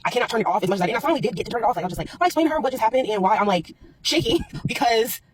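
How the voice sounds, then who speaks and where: Woman, storytime vlogger, very fast, rambling, exasperated, shaken. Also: fairly high pitch, lively intonation, a loud crowd. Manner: rambling, exasperated, full of fillers and restarts. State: shaken, upset. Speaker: market vendor telling a personal story. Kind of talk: storytime vlog, unscripted retelling.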